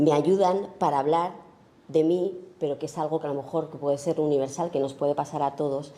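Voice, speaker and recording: A woman's voice: low voice, mellow, a little hiss or hum. A woman photographer giving an informal talk about her own work, thoughtful and searching, with many fillers and tag questions. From Spain.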